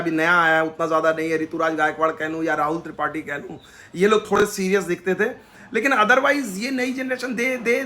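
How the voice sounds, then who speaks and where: A man with a high, bright voice tells story after story as a fan reporter. He mixes Hindi and English and acts out what others said to him. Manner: animated storyteller, mixing Hindi and English, acting out quotes. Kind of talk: casual interview anecdotes.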